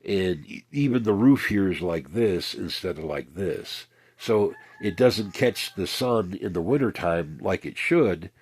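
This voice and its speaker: Folksy, blunt low-voiced man. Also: animated, measured pace, a little mellow, slightly rough. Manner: folksy, blunt, swears casually, trails off and restarts. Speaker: vlogger. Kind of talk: casual rambling monologue. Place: home, indoors.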